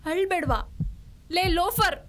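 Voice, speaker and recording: A woman's voice: very high-pitched, unhurried, background noise. A woman playing a panicky, scolding wife. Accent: Kannada. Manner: pleading then scolding. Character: unfaithful wife thrown out, panicky and sharp-tongued.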